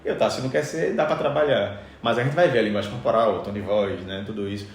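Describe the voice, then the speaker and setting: Male podcast guest, rapid emphatic explainer, average pitch, roomy echo with faint ambience. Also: slight background noise. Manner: emphatic, uses conversational fillers. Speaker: podcast guest, business speaker. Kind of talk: explanatory conversational talk.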